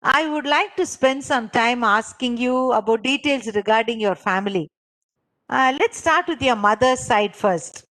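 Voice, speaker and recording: This trainer of a clinical interviewing course teaches an interactive online lesson in an unhurried, slightly bright voice on the high side. She walks learners through each step, says things more than once, and frequently quizzes them to confirm understanding. The recording quality is low.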